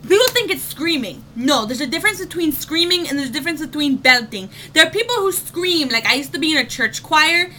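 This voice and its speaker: A woman's voice: high-pitched, lively intonation, a little fast, few pauses, sharp tone, a little hiss or hum. A young woman giving casual singing tips in a home vlog, chatty with lots of fillers, breaking into short sung demo notes.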